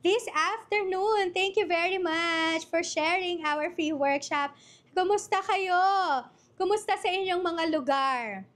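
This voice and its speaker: A woman's voice: very high voice, slow, fairly bright tone. A Filipino woman hosting a live online workshop, her voice a bit worn from a recent cough and flu, chatting casually and greeting viewers one by one by name. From Philippines. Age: adult mother. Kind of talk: casual live-stream chat.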